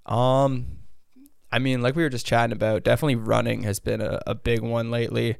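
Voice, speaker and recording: An American man with a raspy vocal fry, chatting casually and ramblingly as a podcast guest. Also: mid-range voice, flat delivery, brisk, dry recording, clean studio sound. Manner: rambling, hedging, self-interrupting. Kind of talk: casual interview chat.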